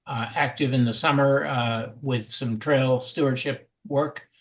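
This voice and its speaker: A man's voice: medium pitch, fairly even intonation, a little slow. A man introducing himself hesitantly in a group discussion, with many fillers. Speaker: church member and committee volunteer. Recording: slightly dull, muffled audio.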